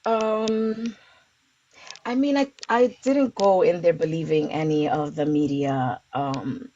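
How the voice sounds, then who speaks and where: Her voice sits low and dark, and she takes her time as she answers interview questions hesitantly and informally, searching for words. She is a community organizer from the Bronx, New York, recorded in dull lo-fi audio with background noise and clicks.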